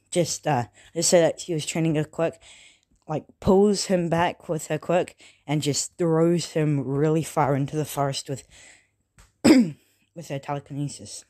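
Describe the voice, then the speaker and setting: A casual narrator talking through a homemade fan story. The delivery is slow and halting, with frequent fillers and restarts. The voice has a mellow, dark tone and sits at a middling pitch. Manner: halting, many fillers and self-corrections. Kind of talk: casual spoken story retelling.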